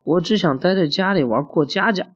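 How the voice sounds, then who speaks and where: A man voicing a bossy little girl who plays house in a storybook reading, his voice lifted higher. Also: a little fast. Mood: pretend-grown-up. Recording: muffled lo-fi recording.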